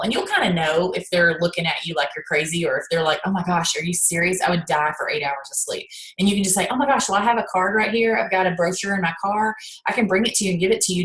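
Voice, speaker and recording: A woman's voice: on the low side, fairly bright tone. Chatty woman coaching on an echoey call. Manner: chatty, acts out dialogue, many fillers. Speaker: team leader on a video call. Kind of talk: casual coaching talk. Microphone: video call.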